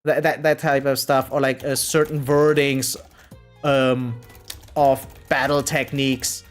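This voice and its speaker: With soft music underneath, this streamer speaks in a medium-pitched, level and unhurried voice. He chats with his live audience in a loose, repetitive, slang-heavy and foul-mouthed way, frequently tacking on "right?" to check in.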